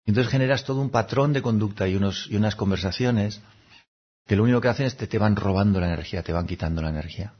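A man giving a gentle, unhurried reflective talk, now and then slipping into little voices to act out examples. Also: on the low side, husky. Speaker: speaker giving a talk on habits. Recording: dull, lo-fi recording.

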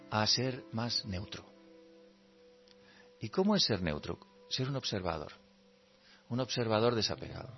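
A man's voice: medium pitch, dull audio. A man giving a reflective talk on meditation, telling personal stories and acting out his quoted thoughts, often laughing. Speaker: meditation speaker.

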